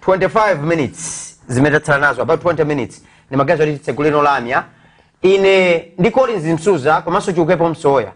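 A middle-aged Malawian man hosting a live sports phone-in show in a TV studio. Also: high-pitched.

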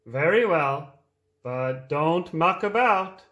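A man voicing a calm, firm boat owner who speaks slowly and sets gentle rules. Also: on the high side, echoey room, exaggerated voice. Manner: slow, measured, setting gentle rules.

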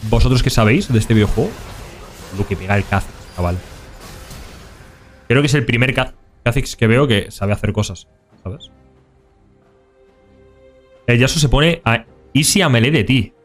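This young streamer, speaking with a Spain Spanish accent, chats with viewers and comments on his gameplay in casual slang. His medium-pitched voice has lively intonation and a normal pace but pauses often. Soft music plays underneath.

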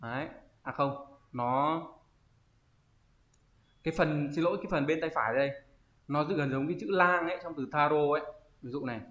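A man teaching an online kanji lesson, often pausing and thinking aloud as he searches for the word. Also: on the high side, a bit bright. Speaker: Japanese teacher. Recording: roomy, slightly dull audio.

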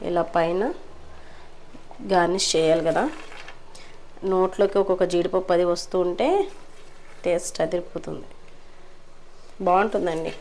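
A woman's voice: on the low side, steady tone, moderate pace, pauses often, a little mellow, a little hiss or hum. A woman casually narrating a home cooking vlog, chatting politely to her viewers as she cooks. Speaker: cooking vlogger. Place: home kitchen.

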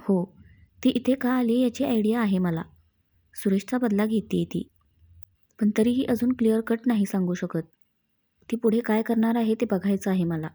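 A woman voicing a composed young husband in a storybook. He speaks steadily and reassuringly, with a mellow, fairly high voice and a soft, rounded tone. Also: normal speed, pauses often. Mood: calm, reassuring. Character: calm, self-assured young husband.

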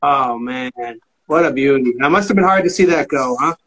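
A man's voice: mid-range voice, moderate pace, a crowd in the background. A man in his forties hosting a casual live chat from home on his phone, easygoing and full of questions. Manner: chatty, easygoing, asks lots of questions. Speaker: host of an online live chat. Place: home room, indoors. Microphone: phone at arm's length.

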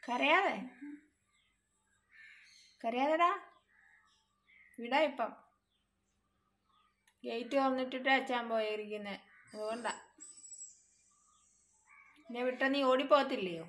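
A woman's voice: on the high side, slow pace, long pauses, a bit bright. A woman talking soothing baby talk to her crying puppy, coaxing and repeating herself. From Kerala, India. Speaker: dog owner vlogger.

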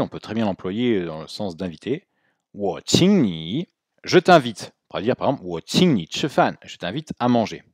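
Male language teacher, low-pitched, patient and casual, dry close-miked sound. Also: darkish tone, dry recording. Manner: explains patiently, repeats Chinese words slowly; casual, self-correcting with fillers. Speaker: Mandarin teacher. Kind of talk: spoken language lesson.

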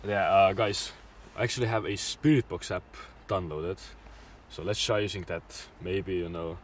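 A man's voice: deep voice, fairly even intonation, normal speed. A young man chatting casually to the camera as a vlogger. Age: young adult, about late teens. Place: small wooden shed attic at night. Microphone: camera a short distance away. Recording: noisy, distant camera microphone.

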